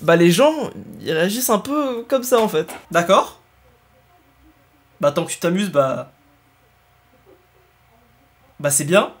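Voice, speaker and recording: A man's voice: high-pitched, lively intonation, slow, long pauses, breathy edge. A young man chatting casually to his viewers, self-mocking and hesitant with many fillers. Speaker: youtuber. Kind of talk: casual vlog talk to viewers.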